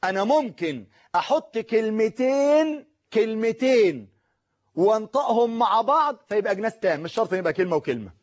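A man with an Egyptian Arabic accent, teaching a televised classroom lesson. He explains slowly, recites verses word by word and quizzes the class. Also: sits high, sing-song, highs cut off.

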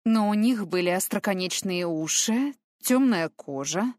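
A woman's voice: mid-range voice, animated, unhurried, darkish tone, dry recording, clean studio sound. A woman reading an audiobook in first person, with tense, emotional storytelling. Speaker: audiobook narrator.

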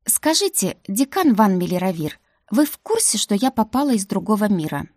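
A woman voicing a sharp-tongued young woman student from another world, talking high and sarcastic. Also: sing-song, moderate pace, no room sound, studio quality. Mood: anxious.

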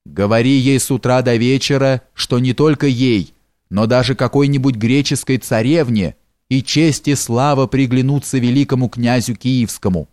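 A man's voice: mid-range voice, normal speed, darkish tone, no room sound, clean studio sound, close to an everyday voice. A man voicing a sly, fawning male steward in an audiobook, with a coaxing, wheedling way of talking. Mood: alarmed.

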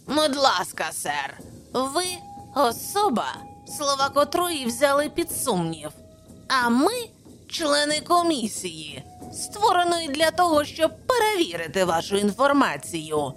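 A woman's voice: sits high, very animated, unhurried, a bit bright, faint music behind, voice pushed up, exaggerated voice. A woman voicing a stern, haughty older male professor in an audiobook, speaking with cold formality. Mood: coldly defiant. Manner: coldly formal, clipped. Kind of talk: audiobook character voice.

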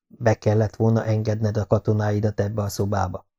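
A man's voice: lowish voice, monotone, dark tone, slightly rough, lo-fi sound. A sneering, bitter Saxon lord, read by a man. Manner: sneering and defiant.

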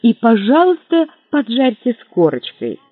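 A man voicing a flustered young gentleman, high and eager. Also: big pitch swings, moderate pace, dry recording. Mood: hopeful. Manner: eager, pleading, stammering. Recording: dry, tinny narrow-band audio.

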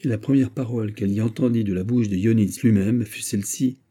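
Husky, dark-voiced male audiobook narrator. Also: fairly low pitch. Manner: measured, steady literary reading. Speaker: audiobook reader. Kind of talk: scripted narration of a literary story.

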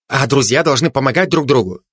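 A man's voice: medium pitch, lively intonation, fast talker, a bit bright, slightly rough, no echo, clean studio sound. A man doing a sly, mocking male dog. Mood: ironic. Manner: ironic, smirking.

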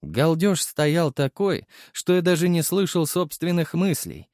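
Lively male audiobook narrator. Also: on the high side, measured pace, no room sound, clean studio sound. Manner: lively storytelling.

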